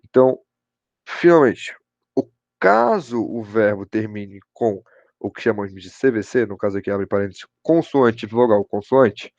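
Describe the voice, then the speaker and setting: Brazilian male teacher, gravelly, keeps checking in with his class; dry lo-fi recording. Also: lowish voice, lively intonation, unhurried, a little mellow, no echo. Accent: Brazilian Portuguese. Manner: repeats "show de bola" and "pessoal", checks in with students. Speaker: English teacher. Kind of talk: online class explanation.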